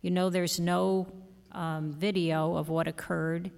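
A woman questioning from the bench as a judge, challenging and somewhat halting. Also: fairly low pitch, level tone, vocal fry, a little mellow. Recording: long hall reverberation.

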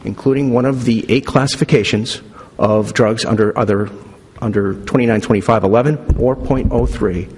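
Male attorney, mid-pitched, formal deferential argument, long hall reverb and faint noise. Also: fairly even intonation, moderate pace, darkish tone. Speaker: lawyer for the state arguing an appeal. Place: large indoor courtroom. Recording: reverberant courtroom, clearly audible noise.

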